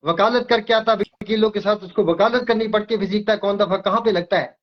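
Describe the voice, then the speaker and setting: Older man, high-pitched, emphatic lecturing astrologer, dull lo-fi sound. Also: steady tone, a little fast. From Himachal Pradesh, India. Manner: emphatic, lecturing, repeats words. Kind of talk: interview.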